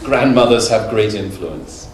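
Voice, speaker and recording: A middle-aged man from the UK gives a conference lecture in a conversational, humorous style, full of anecdotes and filler words. His voice is lowish and his pace measured. The conference hall is echoey, with the mic far off and faint noise.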